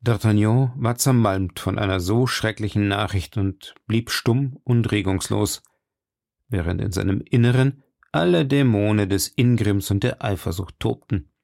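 A man reading a classic novel aloud in steady, measured scripted narration. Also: fairly low pitch, gravelly, dry recording, studio quality. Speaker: audiobook narrator.

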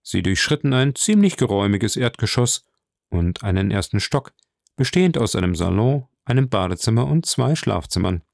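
A man narrating a classic novel in a measured, even storytelling manner. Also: lowish voice, vocal fry, no echo, studio quality. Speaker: audiobook narrator.

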